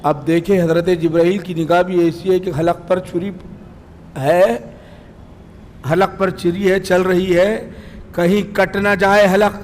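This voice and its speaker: A man preaching a sermon in a mosque, telling a story with passion and often shouting at its peaks. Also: sits high, little pitch movement, slight background noise. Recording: long hall reverb.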